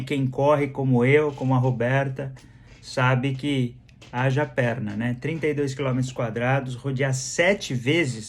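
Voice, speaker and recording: Slow-preaching Brazilian pastor. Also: male voice, mid-range voice. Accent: Brazilian Portuguese. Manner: conversational preaching, repeats phrases for emphasis. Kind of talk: sermon.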